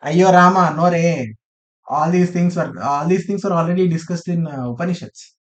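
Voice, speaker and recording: Male, slightly high voice, halting study-group leader explaining verses with repeated phrases. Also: dull audio. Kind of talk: informal scripture discussion with Sanskrit chanting and explanation.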